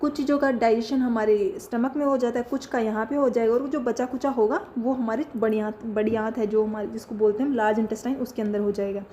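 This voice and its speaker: A woman's voice: a little high, fairly even intonation, fast, few pauses, warm tone, a little hiss or hum. A woman teaching a lesson, who keeps asking questions and answering them herself. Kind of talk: classroom lesson.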